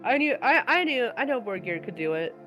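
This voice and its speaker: A woman's voice: fairly high pitch, big pitch swings, fairly quick, pushed and bright, poor audio. Female esports caster cheering players on. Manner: cheering on players with short interjections. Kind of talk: casual esports commentary. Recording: music behind the voice.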